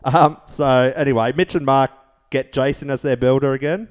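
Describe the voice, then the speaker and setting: A man's voice: medium pitch, steady tone, normal speed, smooth. A man co-hosting a podcast in playful, slangy, casual chat about television. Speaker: podcast co-host. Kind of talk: casual banter reviewing a TV show.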